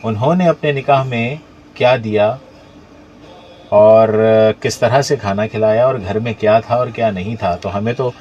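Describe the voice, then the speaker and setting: Low-voiced male radio host, slightly muffled. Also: darkish tone, slight background noise. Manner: conversational, asks questions with many affirming interjections. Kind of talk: radio talk show interview.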